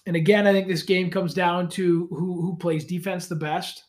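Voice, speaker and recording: A man's voice: high voice, flat delivery, moderate pace. A young man co-hosting a casual sports podcast from a cold home garage, rambling and correcting himself as he talks. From Canada. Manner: rambling, self-correcting, laid-back. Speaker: podcast co-host.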